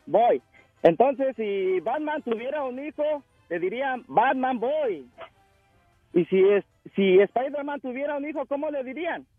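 A man's voice: very high-pitched, animated, a little slow, no echo, faint music behind. A man calling in to a radio show to tell a riddle joke, setting it up step by step. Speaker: caller. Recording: tinny phone line.

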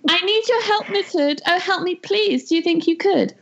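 Woman putting on a high, fretful little pig for a read-aloud storybook. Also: moderate pace, creaky. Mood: pleading. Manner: high, anxious and pleading. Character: small frightened pleading pig. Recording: dull, muffled audio.

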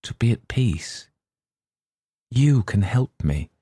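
A man reading a story aloud, voicing a sad, sleepless ghost who is centuries old. He speaks in a low, dreamy, faraway voice. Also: sing-song, takes it slowly, dark tone, breathy edge, no room sound, clean studio sound, exaggerated voice. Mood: dreamy, longing. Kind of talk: audiobook reading.

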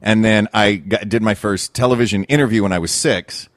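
A man from Tennessee with a deep, articulate voice, telling anecdotes in casual conversation as a guest. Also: brisk, no room sound, studio quality. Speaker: guest, performer.

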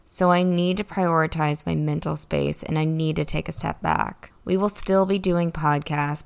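Low-voiced woman with creaky vocal fry. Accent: American. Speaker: podcast host and investigative journalist. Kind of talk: scripted podcast narration.

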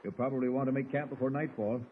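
Man playing a warm chuckling old-time priest, tinny radio sound w/ hiss. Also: mid-range voice, steady tone, quick pace, natural voice. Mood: kindly. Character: kindly jovial male priest. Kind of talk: 1940s radio acting.

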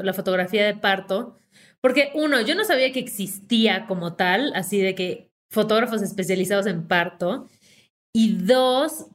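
A woman from Yucatán with a Yucatecan Mexican accent, co-hosting a podcast in a playful, slangy chat full of laughter. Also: medium pitch. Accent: Yucatecan Mexican Spanish. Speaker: podcast co-host. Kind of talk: casual chat.

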